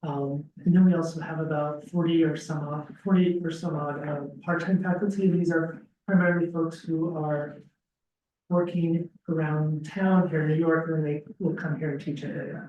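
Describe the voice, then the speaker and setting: A man's voice: fairly high pitch, moderate pace, highs cut off, a little hiss or hum. Man presenting in a roomy hall, mic far off. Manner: relaxed, frequent ums and restarts. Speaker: school dean giving an info session. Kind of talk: informal presentation to prospective students. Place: classroom with audience, also streamed on a video call. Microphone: laptop webcam some distance away. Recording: roomy, distant webcam audio.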